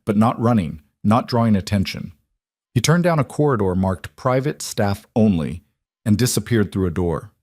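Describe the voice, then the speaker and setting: Male audiobook narrator, low voice, dry close sound, steady and dramatic. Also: no echo.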